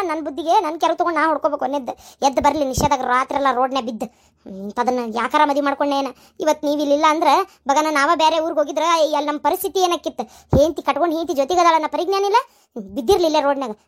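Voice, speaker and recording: Give me a woman playing a sharp-tongued young sister in a cartoon, with a North Karnataka accent, high and quick. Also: close to an everyday voice. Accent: North Karnataka Kannada. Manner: scolding, bitter, tearful pleading. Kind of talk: cartoon voice acting.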